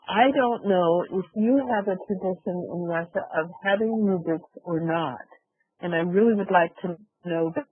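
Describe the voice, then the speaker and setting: A man presenting a lecture over a conference call, his voice high for a man and his delivery slow and halting. The call audio is thin and phone-like, with a dry, close sound. He pauses often and fills the gaps with "uh.". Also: dry recording. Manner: slow, halting, with many fillers. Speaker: visiting professor presenting a lecture. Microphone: computer mic on a video call.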